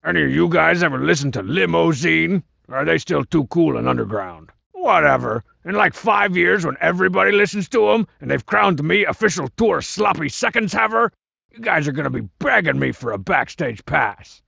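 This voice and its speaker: Strong Bad, gravelly cartoon braggart villain. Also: male voice, fairly high pitch, animated, normal speed, pushed and bright, dry recording, exaggerated voice. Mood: bragging. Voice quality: raspy, gravelly growl. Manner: bragging, mocking, slangy tough-guy delivery. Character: cocky, boastful cartoon wrestler-masked villain, juvenile troublemaker. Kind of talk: exaggerated comic video game character acting.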